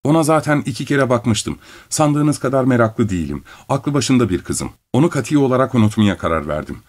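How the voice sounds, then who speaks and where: Lavinia: a man voicing a calm woman of 37. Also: mid-range voice, fairly quick, lightly acted. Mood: calm, dismissive. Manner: steady, reasoning, unbothered. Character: calm, sober 37-year-old unmarried woman. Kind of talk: audiobook character reading.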